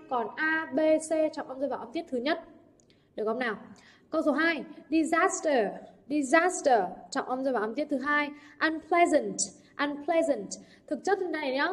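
A woman's voice: high-pitched, quick pace. A young adult woman teacher working through English exam answers, often checking in with the class through rhetorical questions. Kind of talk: exam answer walkthrough lesson.

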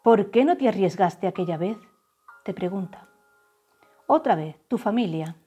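A woman from giving a tarot reading to her viewers, saying the messages she channels slowly and softly. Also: medium pitch, expressive, breathy edge. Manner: slow, soft, drawn-out channeled phrases. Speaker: tarot reader. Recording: faint background music.

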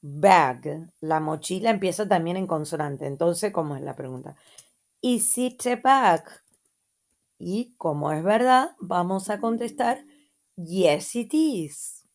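A woman with an Argentine Spanish accent, teaching and reviewing English words for children patiently, checking in with soft "mm?" prompts. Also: lowish voice, gravelly. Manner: slow, patient, repeats words and adds checking "¿mm?". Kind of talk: slow lesson review for children.

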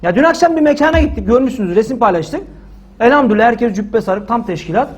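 A man preaching a sermon in a loud, forceful, shouting manner, stretching some words slowly for emphasis. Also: extremely high pitch, animated.

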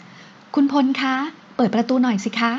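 A woman's voice: fairly high pitch, fairly even intonation, moderate pace, natural voice. A woman voicing a determined young wife who talks in an earnest, polite, coaxing way, on a dull recording with faint hiss.

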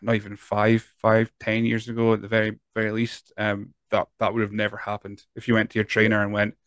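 Speaking into a large studio mic up close, with headphones on in a home studio, a Scottish man in his thirties hosts a laid-back interview podcast. His lowish, monotone voice is fairly bright and a little fast, the recording is dry, and his questions run long and rambling with frequent restarts.

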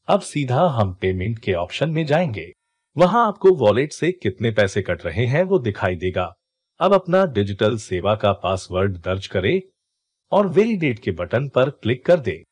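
On his tutorial channel, a man explains every click in a step-by-step screen-recorded voice-over, keeping his manner instructive. His voice is medium-pitched and slightly rough, with no room sound.

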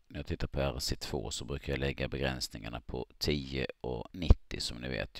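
Very deep gravelly man, dry close sound. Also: dry recording. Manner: halting, many fillers, thinks aloud. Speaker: market analyst. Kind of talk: screen-recorded chart analysis.

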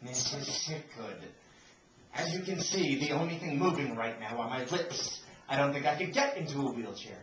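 A man playing a hot-tempered husband who rants and shouts, recorded live on a theater stage. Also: mid-range voice, expressive, normal speed, close to an everyday voice. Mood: dry. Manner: ranting, shouting. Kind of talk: live stage comedy acting. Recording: echoey noisy stage from a distant mic.

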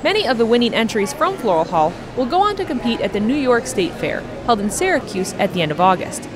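A woman's voice: on the high side, very animated, fairly quick, music in the background. A woman reporter reading a scripted news voice-over in an upbeat way.

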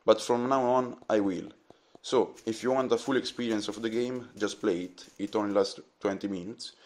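A teenage man with an Italian accent, narrating a voice-over about making his game in an earnest, explanatory way. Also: on the low side. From Italy. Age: teens. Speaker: game developer.

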